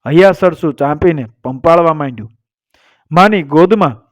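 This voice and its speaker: A man telling a dramatic folk tale in an expressive, rhythmic storytelling voice. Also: on the high side, no room sound, clean studio sound.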